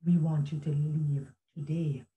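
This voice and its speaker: Speaking over a video call webcam from a chandelier-lit room at home, an author and guest tells a story in a low, mellow voice. Her tone stays level and her pace measured. She comes across as earnest and reflective, restarting often and quoting others.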